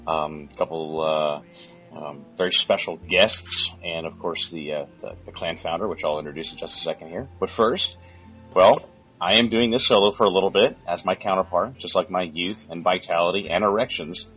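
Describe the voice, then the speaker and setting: Deep voiced guy hosting a gaming podcast, lots of ums, crude jokes, muffled lo-fi mic. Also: normal speed, fairly bright tone, faint music behind. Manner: rambling, many fillers, crude jokes. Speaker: podcast host. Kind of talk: casual gaming podcast chat.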